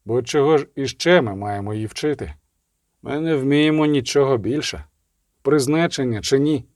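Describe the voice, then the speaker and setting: Stern quiet witcher guy in a storybook, man reading him, low-key and resolute. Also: no room sound, studio quality, close to an everyday voice.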